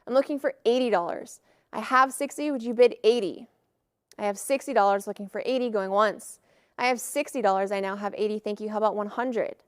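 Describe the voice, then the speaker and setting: A woman auctioneer calling bids in a live auction with brisk, formulaic patter. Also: mid-range voice, clear, resonant tone, dry recording, studio quality.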